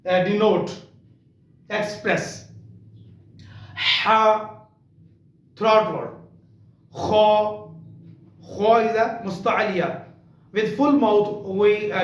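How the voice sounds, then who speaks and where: A man giving a Quran recitation lesson, talking slowly and haltingly with many fillers, switching between English and Urdu. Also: sits high, a little hiss or hum. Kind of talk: slow spoken lesson. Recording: echoey room, distant mic.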